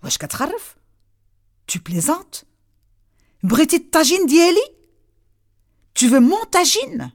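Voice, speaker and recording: A woman's voice: high-pitched, big pitch swings, slow, long pauses, voice pushed up, exaggerated voice. A woman voicing a kindly, flustered village neighbor in a told folk tale, fussing and exclaiming.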